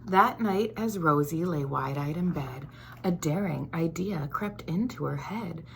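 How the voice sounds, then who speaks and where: In a low, creaky voice, a school board member reads a picture book for children a little slowly. She tells the story in a sing-song, expressive manner and sometimes slips into a whisper. A little hiss or hum can be heard.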